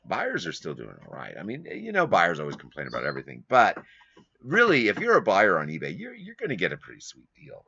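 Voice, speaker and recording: A man's voice: low voice, huge pitch swings, brisk, creaky, bright, forceful tone, husky, dry recording, lo-fi sound. A man hosting his own live stream from a home studio, talking casually and rambling as he grumbles at length.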